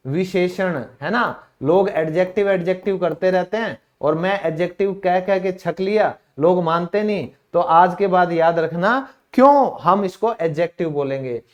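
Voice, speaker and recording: Indian male English teacher, higher voice, casual lesson delivery, poses questions then answers them. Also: normal speed, few pauses, muffled recording. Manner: casual and direct, calls listeners brother. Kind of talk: classroom-style lesson.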